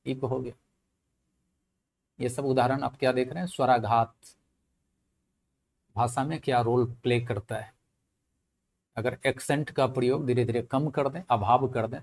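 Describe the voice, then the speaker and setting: A middle-aged man giving a classroom lecture on Sanskrit linguistics. He explains in a step-by-step way, repeats key words, asks rhetorical questions and stresses each example word loudly before dropping his voice. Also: medium pitch, gravelly. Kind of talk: classroom lecture in Hindi with English terms.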